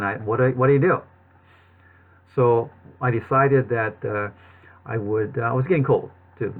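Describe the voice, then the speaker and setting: A man telling his personal story to viewers in a halting way, with a slight lisp and numb-lipped speech, as if numb from the dentist. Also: medium pitch. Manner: halting, with long pauses and repeated words. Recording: thin, phone-like narrowband sound.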